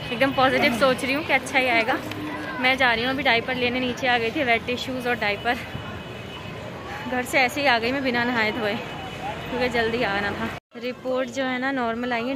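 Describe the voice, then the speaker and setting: A woman chatting casually to her viewers in a vlog, talking straight to them with plenty of fillers. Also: high voice. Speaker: vlogger. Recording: music playing underneath.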